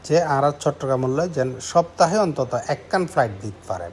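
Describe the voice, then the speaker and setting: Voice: medium pitch, lively intonation, fast, darkish tone. A speaker with a Chittagonian Bengali accent talking casually, with faint noise behind.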